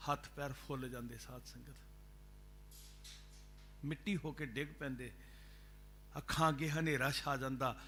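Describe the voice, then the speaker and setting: A man with a Punjabi accent giving a sermon at a gurdwara, shifting between loud drawn-out chanting of scripture and quiet speech. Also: medium pitch. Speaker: Sikh preacher giving katha. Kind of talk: sermon with sung scripture lines. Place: gurdwara hall, live broadcast.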